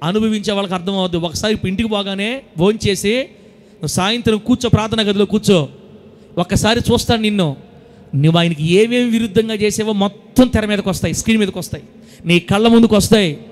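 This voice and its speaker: A man's voice: high voice, fast. A man preaching a Sunday sermon, exhorting the congregation emphatically and pressing his points again and again.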